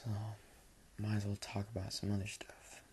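A man's voice: lowish voice, normal speed. A young man hosts a casual late-night solo podcast from his bed, rambling in a sleepy, dry voice. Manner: rambling, relaxed, sleepy, lots of fillers. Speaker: podcast host. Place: bedroom, sitting on his bed. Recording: faint hiss in the background.

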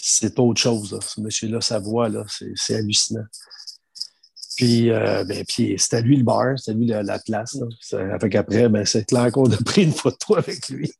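Here a middle-aged Quebecois guest, speaking at a steady pace in a fairly low voice with vocal fry and a slight roughness, spins animated, slang-filled anecdotes. The casual conversation is captured dry, with no room sound.

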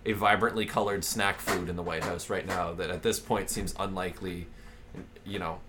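A man's voice: sits low, fairly even intonation, moderate pace, music in the background. A man co-hosting a casual political podcast, rambling with many fillers and restarts, sarcastic and profane. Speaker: podcast co-host.

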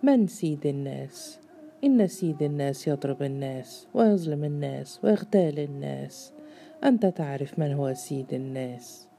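A woman's voice: low voice, moderate pace, warm tone, slight background noise. A woman reader voicing a bitter, hot-tempered elder of the clan who speaks sharply.

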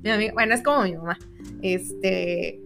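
A woman with a Mexican Spanish accent hosting a spiritual podcast, telling a story in a chatty, animated way, full of tag questions and self-corrections. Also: mid-range voice, normal speed, creaky, music in the background. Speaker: podcast host.

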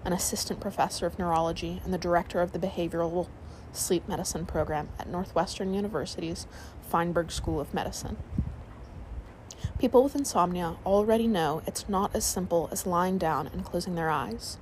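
A woman narrating a sleep story, reading aloud in a calm, soothing way. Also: on the low side, a little fast, a little hiss or hum, low-quality recording.

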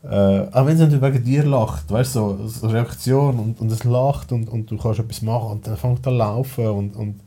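Dark husky Swiss German man. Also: medium pitch, fairly even intonation, brisk, few pauses. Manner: rambling, many restarts and fillers, blunt swearing. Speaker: podcast guest. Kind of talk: casual personal conversation.

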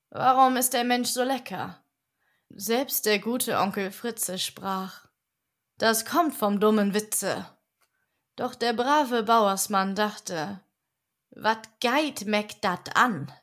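A woman reading a rhymed children's story aloud as a calm bedtime audiobook. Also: mid-range voice. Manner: slow, soothing rhymed recitation. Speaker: audiobook reader.

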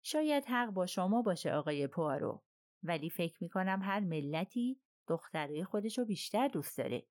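A blunt, restless businessman, read by a woman narrator in an audiobook, impatient to get busy. Her voice stays lowish, dry and close-miked. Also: very animated, darkish tone, no room sound. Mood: frank. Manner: blunt and fidgety. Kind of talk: audiobook character reading.

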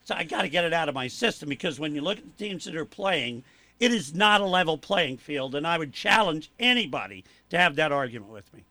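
A man's voice: a little high, lively intonation, a little fast, pushed and bright, no room sound. Blunt, fired-up male radio commentator. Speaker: radio commentator, regular guest.

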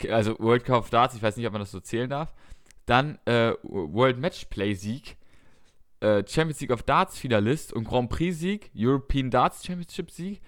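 A man in casual conversation on a darts podcast, with a voice of ordinary middle pitch. He rambles and corrects himself as he goes, often reeling off long lists of results. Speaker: podcast co-host. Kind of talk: casual chat about darts.

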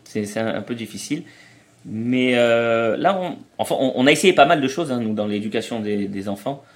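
Un homme d'âge moyen, invité d'une interview, qui explique et raconte des anecdotes sur un ton familier, avec des hésitations et des reprises. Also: male voice, mid-range voice, expressive, moderate pace. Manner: explanatory, anecdotal, hesitant restarts. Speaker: guest, traveling parent. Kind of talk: casual interview chat.

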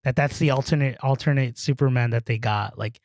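Brief: casual excitable male co-host, mid pitch, close dry sound. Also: brisk, no echo. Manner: excitable, rambling, many fillers. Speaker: podcast co-host. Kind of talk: casual chat.

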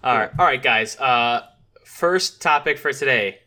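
A young man from Western New York hosts a relaxed podcast conversation. His voice is bright and a little nasal, set at an ordinary middle pitch. He talks easily, with filler words and short pauses. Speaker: podcast host. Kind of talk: casual podcast chat.

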